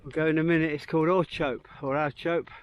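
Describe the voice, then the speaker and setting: A hiking vlogger with a fairly high, clean-toned voice gives fast, informal walk-along narration to his handheld camera across open moorland. His intonation is fairly even, and the lo-fi audio carries outdoor wind and ambient noise.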